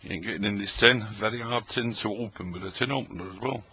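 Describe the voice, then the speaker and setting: Gravelly low-voiced man vlogging. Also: fast talker, sharp tone. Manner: chatty, rambling, jokey, talks while eating. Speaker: vlogger tasting old tinned food. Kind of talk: casual late-night vlog talk. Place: at home at a table, late at night.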